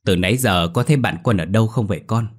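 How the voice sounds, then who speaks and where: A man voicing a frantic young mother who is calling loudly for her missing son. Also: fast talker, close to an everyday voice. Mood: anxious. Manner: shrill calling out, panicked.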